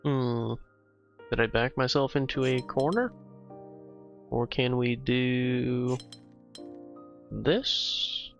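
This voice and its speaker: A man's voice: medium pitch, fairly even intonation, drawn-out words, creaky, pauses often. A man livestreaming a game, chatting casually with viewers in a loose, profane way. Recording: slightly dull stream audio with music.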